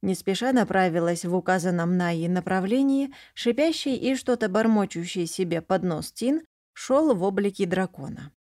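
A woman reads a first-person fantasy audiobook with expressive storytelling. Her voice is warm and mellow, and the recording is dry and close. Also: medium pitch, moderate pace, no room sound. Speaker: audiobook reader.

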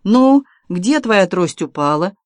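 An audiobook reader voicing a level-headed young officer who talks in a calm, reasoning way. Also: mid-range voice, slow, no room sound. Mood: conciliatory. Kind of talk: audiobook character voice.

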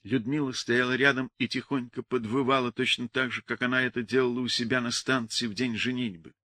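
Bright-voiced male audiobook narrator. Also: medium pitch, fairly quick, dry recording. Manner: lively, expressive storytelling. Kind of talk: scripted narration.

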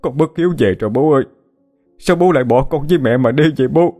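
A man's voice: fairly low pitch, normal speed, darkish tone, faint music behind, close to an everyday voice. A man voicing a grown son who returns home after decades, speaking in a choked, sobbing, pleading way. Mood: wailing grief. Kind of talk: audiobook character voice.

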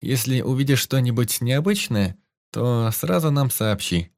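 A man voicing a calm, cheerful male doctor in a storybook reading, his voice raised and brighter than his narration. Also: medium pitch, unhurried, no echo, studio quality, pitched above the performer's own voice.

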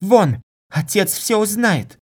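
A man's voice: high voice, sing-song, extremely slow, darkish tone, slightly rough, voice pushed up, heavily acted. A man voicing a spoiled, furious young daughter of a rich merchant, screeching at her lover in an audiobook.

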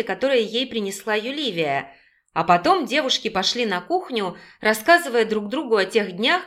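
A woman narrating a romance novel in an even, storytelling reading. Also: fairly high pitch. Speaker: audiobook narrator. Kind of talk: scripted narration.

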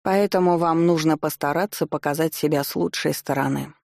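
Reader doing a prim, stern governess. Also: female voice, low voice, brisk, vocal fry, a little mellow, no room sound, clean studio sound. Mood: instructive. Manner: prim, instructive. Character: strict proper governess, middle-aged, stern.

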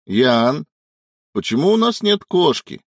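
A man's voice: on the low side, very animated, a little slow, vocal fry, dry recording, clean studio sound, exaggerated voice. A man voicing a grumbling wry young man. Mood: exasperated.

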